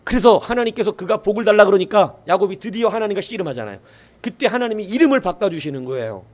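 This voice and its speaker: A man preaches to his congregation in a fairly high voice whose pitch rises and falls all the time. He keeps asking questions of the listeners and then supplies the answers himself. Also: lively intonation, fast. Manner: acts out quoted voices in a raised voice. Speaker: pastor. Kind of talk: sermon.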